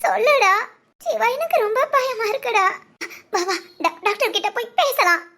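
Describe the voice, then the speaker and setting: [name], a woman voicing a shrill, fiery young village woman. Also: lively intonation, moderate pace, fairly bright tone, exaggerated voice. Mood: tearful. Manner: pleading, sobbing, then scolding. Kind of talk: Tamil cartoon drama voice acting.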